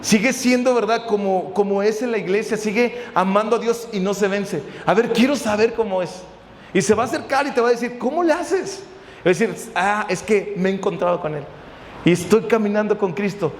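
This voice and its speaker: A man's voice: sits high, fairly quick, big-room sound. A man, preaching a passionate sermon and telling a personal story, often adding "¿verdad?". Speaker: pastor.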